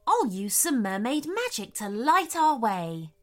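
A woman voicing a cheerful, confident mermaid in a children's story, bright and reassuring. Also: on the high side, very animated, unhurried, soft background music.

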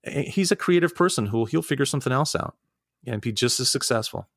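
A man's voice: mid-range voice, lively intonation, a little fast, vocal fry, no room sound. A man who works as a voice actor, chatting casually as an interview guest. He is earnest and self-deprecating, and often restarts his sentences. The sound is dry and close.

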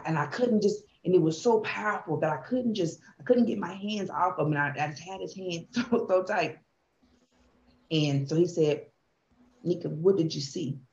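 Recorded in an echoey, dull-sounding room, a woman host tells her heartfelt faith testimony with earnest emphasis. Her voice sits on the low side and has a slightly mellow quality.

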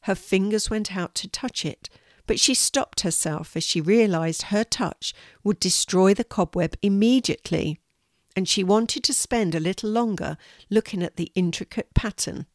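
An older woman, reading a children's story in a gentle, warm storytelling manner. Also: medium pitch, moderate pace, dry recording, clean studio sound.

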